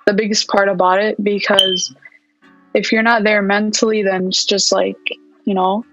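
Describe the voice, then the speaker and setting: Young woman from palestine, podcast guest, says "like" a lot, pretty flat delivery, kinda dull dry audio. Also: mid-range voice, normal speed, soft background music. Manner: relaxed, lots of "like" and "yeah". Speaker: podcast guest, fitness coach. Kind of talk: casual interview chat.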